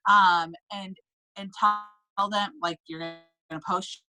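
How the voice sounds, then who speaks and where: A woman coaching sellers in a casual, upbeat way, stressing points and checking in with quick tag questions. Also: medium pitch, fairly even intonation, pushed and bright, faint music behind, low-quality recording. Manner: upbeat, emphatic, checks in with "okay?" and "right?". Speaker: direct sales team leader.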